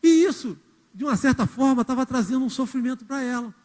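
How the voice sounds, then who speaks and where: A man's voice: very high voice, fast talker, darkish tone. A man preaching a sermon as a church elder, telling stories and speaking directly to the congregation. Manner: storytelling, acts out quotes, addresses the congregation directly. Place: church hall. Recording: reverberant church hall.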